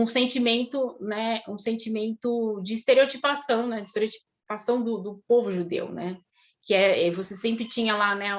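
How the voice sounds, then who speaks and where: Answering audience questions over a video call, a guest speaker on Russian literature with a Brazilian Portuguese accent talks in a mid-range voice. She's thoughtful and halting, restarting often.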